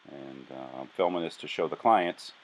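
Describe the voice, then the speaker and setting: A man with an extremely low, deep voice talks through a design sketch in a relaxed voice-over. His delivery is flat and monotone, casual and a little self-deprecating. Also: normal speed, slight background noise, rough recording. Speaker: tree house builder narrating a sketch.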